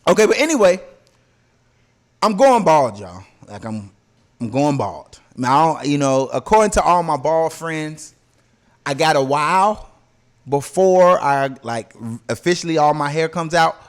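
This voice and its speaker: This time the host's voice sits fairly high, with lively intonation and a measured pace. He spins stories in profane slang, often pausing to ask "you know what I'm saying" so the audience keeps up.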